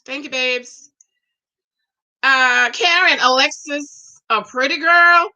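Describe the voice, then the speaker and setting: A woman's voice: high voice, slow, pushed and bright, highs cut off. A woman in her forties giving casual livestream commentary, reading viewer comments aloud and reacting in a sassy, chatty way. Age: 40s. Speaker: show reviewer reading live comments.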